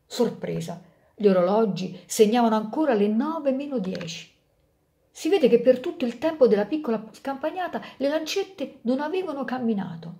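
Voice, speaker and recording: A woman host reading a story aloud, expressive and shifting voices for the characters. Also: a little high, normal speed, gravelly.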